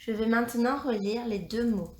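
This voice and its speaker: A woman teacher reading a dictation for young pupils, pronouncing each syllable and word slowly and carefully. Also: on the high side, a little mellow. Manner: slow, carefully articulated dictation. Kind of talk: classroom dictation lesson. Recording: echoey room.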